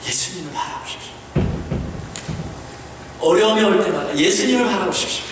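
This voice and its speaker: A Korean man preaching a sermon as pastor, asking the congregation questions and mixing in short English phrases, swinging between high emphatic lines and low quiet ones. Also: animated, a little fast, heavy background noise. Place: church sanctuary. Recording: echoey church hall, voice from a distance.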